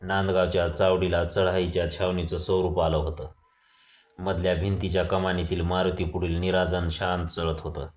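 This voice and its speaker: Low steady guy reading a long story out loud, roomy echo. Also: moderate pace. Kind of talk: audiobook reading of a Marathi novel.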